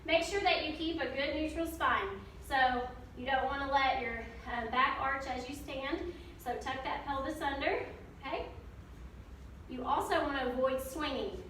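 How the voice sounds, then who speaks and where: A woman with a high voice leads exercises like an aerobics instructor, encouraging and informal as she gives form cues. She is recorded at a distance in a heavily echoing room, with faint noise behind her. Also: moderate pace, bright, forceful tone. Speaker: fitness coach. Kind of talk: aerobics instructor leading a workout.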